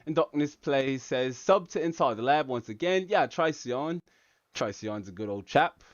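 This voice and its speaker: An American livestream host doing a hammy mock-London accent, full of mates and chaps. The sound is slightly muffled. The room is dry, with no echo. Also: male voice, mid-range voice, a little fast, clear, resonant tone, close to an everyday voice. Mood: playful. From United States. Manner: hammy put-on accent with Brit slang. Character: American man faking a London English accent. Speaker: tech channel host.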